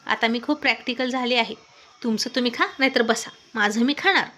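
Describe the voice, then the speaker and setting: A woman's voice: a little high, a little fast. Woman playing a stubborn angry young wife. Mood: defiant. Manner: sharp, curt.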